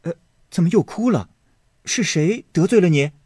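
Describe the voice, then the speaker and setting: An impulsive young nobleman, voiced by a man, pleads in a raised, eager voice that rushes ahead. The audiobook reading is slightly husky and dry, recorded close. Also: high voice, lively intonation, a little mellow, no room sound, voice pushed up. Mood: eager pleading. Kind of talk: audiobook character voice.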